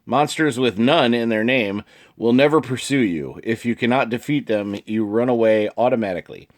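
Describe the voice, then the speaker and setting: A man's voice: mid-range voice, normal speed. A man hosting his own channel, casually reading card text aloud with short asides and chuckles. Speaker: channel host reviewing card game cards.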